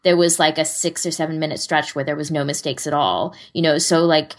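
A woman with a notably low voice chats casually as a podcast co-host, explaining things step by step in an informal, conversational way. Her tone stays steady, she talks fairly quickly, and she tends to drift into loose asides.

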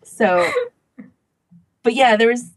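A woman co-hosts a fan podcast, chatting casually and dropping "like" into her talk again and again. Her voice sits a little high and moves slowly. The studio recording is clean, with no room sound.

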